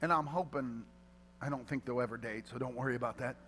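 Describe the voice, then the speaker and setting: A man preaching a sermon as pastor, swinging from quiet, joking asides to loud, shouted calls to the congregation. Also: mid-range voice, fast, a little hiss or hum. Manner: playful storytelling with church humor.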